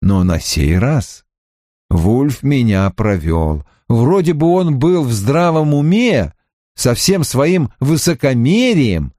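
A man narrating an audiobook in a deliberate, expressive way. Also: mid-range voice, no echo, clean studio sound. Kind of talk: audiobook reading.

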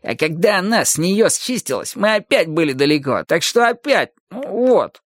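A man voicing a nervous, whiny skinny young thug with a squeaky, flustered delivery in an audiobook. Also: sing-song, moderate pace, no room sound, studio quality.

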